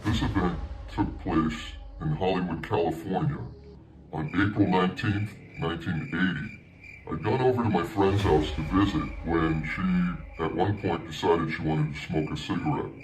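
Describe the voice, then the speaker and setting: Man with a disguised, altered deep voice. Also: normal speed, background noise. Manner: calm, precise, detailed recounting. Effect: disguised, electronically altered deep voice. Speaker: anonymous eyewitness. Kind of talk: measured first-person account. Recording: echoey, distant, with music underneath.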